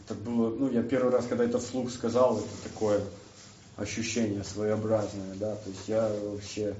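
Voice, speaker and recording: A young man tells his own story to a listening group, his speech halting and full of restarts. His voice is mellow and unforced. He is picked up from a distance in an echoey hall, the sound a bit dull, with faint room noise behind him. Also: on the low side, little pitch movement. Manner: halting, searching for words, many restarts. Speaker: recovery speaker sharing his story. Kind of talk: personal testimony to a group.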